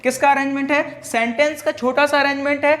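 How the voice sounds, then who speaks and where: A man's voice: extremely high pitch, fairly even intonation, fairly quick, a bit bright. A male teacher giving a grammar lecture. He keeps asking the class questions and answering them himself, and he mixes English grammar terms into his explanation. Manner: repeats each point as a question and answers it himself.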